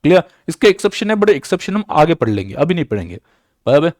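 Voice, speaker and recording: A man with a fairly high, slightly mellow voice and big pitch swings gives a recorded online accounting lecture, mixing English terms into his explanation. He repeats key points, checks understanding with "बराबर?" and "clear?", and slows down to dictate journal entries; the sound is studio-clean with no room sound.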